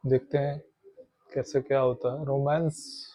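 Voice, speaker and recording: A man's voice: mid-range voice, little pitch movement, unhurried, mellow. A man teaching a language lesson in a casual, step-by-step way, mixing Hindi and English with many fillers. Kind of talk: casual lesson explaining pronunciation. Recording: slightly dull lo-fi audio.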